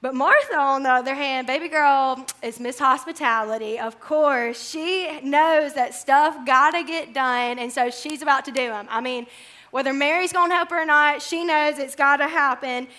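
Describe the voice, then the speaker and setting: Young woman preacher, high-pitched, conversational and emphatic. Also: moderate pace, bright, forceful tone. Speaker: campus ministry speaker. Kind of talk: sermon.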